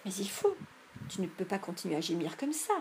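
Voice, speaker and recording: A woman's voice: fairly low pitch, sing-song, a little fast, a little mellow, a little hiss or hum. A woman voicing an anxious little brother. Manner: urgent, pleading. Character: worried younger brother, anxious boy.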